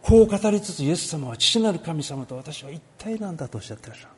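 Man, pastor preaching, very expressive pitch, frequent pauses and fillers. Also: breathy edge. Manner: lively, with many pauses and filler words. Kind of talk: sermon on a Bible passage.

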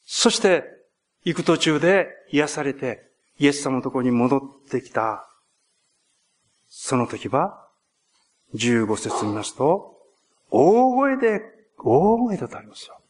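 Husky earnest male pastor preaching. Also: mid-range voice. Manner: earnest preaching with emphatic rises and pauses. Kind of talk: sermon.

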